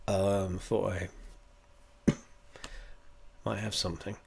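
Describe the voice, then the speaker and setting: Stuffy guy with a lowish voice, rambling and swearing through a casual review at home. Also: little pitch movement, takes it slowly, gravelly, a little mellow, a little hiss or hum. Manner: meandering, profane, wry. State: congested, coughing. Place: at home indoors.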